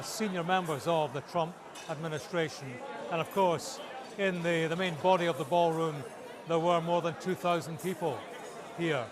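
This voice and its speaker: A man reporting on location from inside a large hotel ballroom, describing events in a measured way. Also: on the high side. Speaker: news correspondent.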